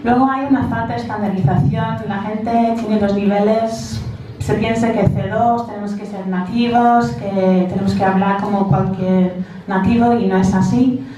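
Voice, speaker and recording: Female presenter, English-accented non-native Spanish, mellow, halting delivery, heavily echoing room. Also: medium pitch, steady tone. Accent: English-speaking, non-native Spanish. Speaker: English teacher presenting at a conference. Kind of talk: informal conference presentation. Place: large echoey indoor room. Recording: very echoey room, distant mic, faint noise.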